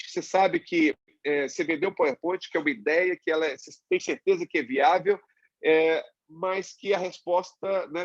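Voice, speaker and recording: Brazilian man presenting a webinar, slightly high, husky, dry lo-fi sound. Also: dry recording. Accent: Brazilian Portuguese. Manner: conversational, many fillers and tag questions. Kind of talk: informal webinar lecture. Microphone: webinar computer mic.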